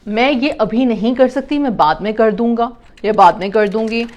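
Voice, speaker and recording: A woman's voice: fairly high pitch, darkish tone. A woman explaining communication to parents, mixing in English terms and acting out example lines.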